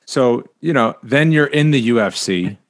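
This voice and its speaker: Relaxed male interviewer. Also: mid-range voice, moderate pace. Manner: relaxed, brief reactions and prompting questions. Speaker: interviewer, host. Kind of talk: casual interview.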